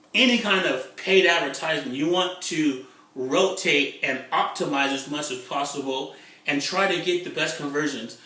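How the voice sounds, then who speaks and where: A middle-aged man talking in a casual vlog about online marketing, excitable and rambling, often repeating himself. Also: on the high side, far from the mic. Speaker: internet marketing vlogger. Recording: echoey room, away from the mic.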